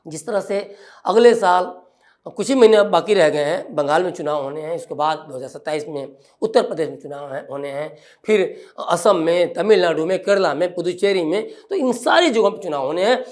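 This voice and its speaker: A man's voice: high voice, lively intonation, brisk. A man speaking as a political commentator on a TV news panel, emphatic and firing off rhetorical questions.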